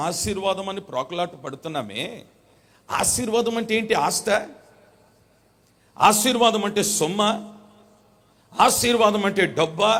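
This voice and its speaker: High-voiced preacher chanting to his congregation. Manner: chanting repeated phrases that build in loudness; urges the congregation to repeat and answer louder. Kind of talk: revival sermon with call-and-response. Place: church hall, on the stage.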